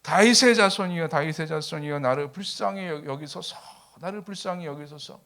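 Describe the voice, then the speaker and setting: A man voicing a blind male beggar who cries out loudly and desperately for mercy. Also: a little high, a little fast, vocal fry. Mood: pleading. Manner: loud, desperate pleading.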